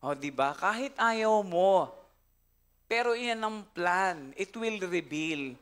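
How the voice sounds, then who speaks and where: A man's voice: sits high, expressive, slow, fairly bright tone, smooth. A man with a Filipino accent preaching a church sermon, telling stories with frequent laughter and switching between Tagalog and English. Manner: storytelling, laughing often, mixing English into Tagalog. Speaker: pastor. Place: church service.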